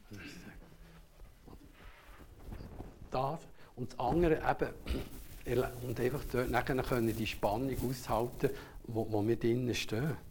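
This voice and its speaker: An older man with a Swiss German accent preaching a sermon, telling a personal story earnestly and often sinking to a hushed near-whisper. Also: medium pitch, fairly even intonation, slow pace, long pauses, a little hiss or hum.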